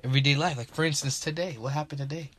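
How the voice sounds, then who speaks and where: A man's voice: a little high, very fast, a bit bright, husky, dry recording. A young man hosting a casual podcast with his brother inside a closet, easygoing and trailing off often. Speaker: podcast host. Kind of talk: casual chat. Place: inside a small closet at his parents' house.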